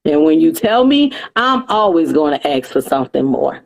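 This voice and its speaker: Woman, lowish voice, animated podcast guest talking shop. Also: moderate pace, vocal fry. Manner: animated, acts out broker calls. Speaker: dispatcher guest. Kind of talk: podcast interview chat.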